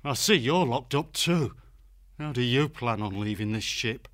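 A man voicing a big young male badger held captive, with a hoarse voice and a slow, earnest way of talking. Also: medium pitch, expressive, fairly bright tone, no room sound, studio quality, pitched above the performer's own voice, full character voice. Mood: ironic. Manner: slow, earnest, wryly ironic. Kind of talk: audiobook character voice.

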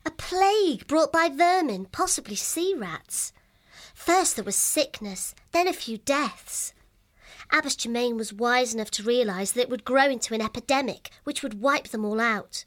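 Woman as a gentle bookish young hare. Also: a little high, animated, normal speed. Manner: gentle, well-spoken storytelling.

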